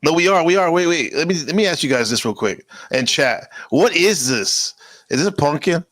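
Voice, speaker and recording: A man's voice: a little high, animated, normal speed, a bit bright. A man hosting a casual livestream chat, talking in a loose, rambling way and laughing often. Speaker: host.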